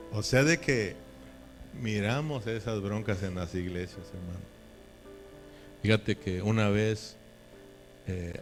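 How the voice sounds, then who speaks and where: A man preaching a sermon in a folksy, joking way, often checking in with his listeners. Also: on the low side. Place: church.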